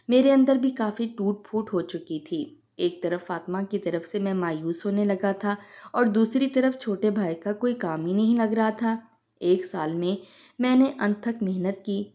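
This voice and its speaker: A woman's voice: medium pitch, warm tone. A woman narrating an emotional moral story in the first person, earnest and heartfelt, in a dull lo-fi recording.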